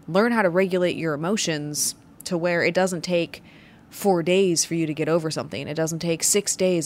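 A woman business owner hosting her own show, giving a motivational business talk with emphatic, punchy phrasing. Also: low-pitched. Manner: emphatic, punchy delivery with stressed short phrases. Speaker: business owner and podcast host.

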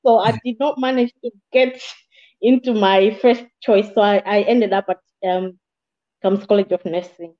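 A woman from Malawi, a guest in an interview, telling her life story in a measured, plain way with small restarts. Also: medium pitch, fairly even intonation. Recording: slightly dull, muffled audio.

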